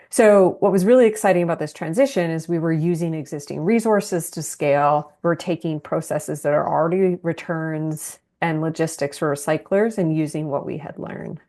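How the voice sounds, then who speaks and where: Woman presenting a webinar in a lowish voice. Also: a little mellow. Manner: conversational, calls for the next slide. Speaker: business founder presenting.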